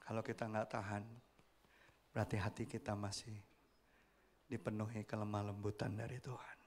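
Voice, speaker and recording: A man preaching a sermon as pastor, lively and often asking the congregation questions. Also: lowish voice, moderate pace. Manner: animated, asks the congregation questions, acts out quoted voices.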